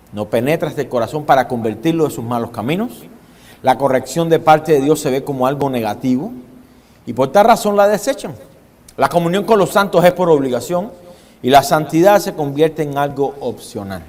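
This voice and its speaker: A man preaching a sermon as a pastor, dramatic, shifting his pace and loudness and putting questions to his congregation. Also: on the high side. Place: church hall with congregation. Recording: long hall reverb.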